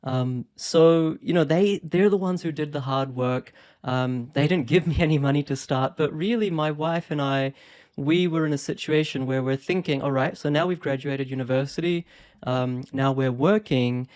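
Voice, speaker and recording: A man's voice: fairly high pitch, normal speed, darkish tone, clean tone. A man in his thirties with a New Zealand and Australian accent, talking casually and upbeat to camera about investing, with small laughs and many ums. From born in India, raised in New Zealand and Australia. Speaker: property investment YouTuber. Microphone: phone.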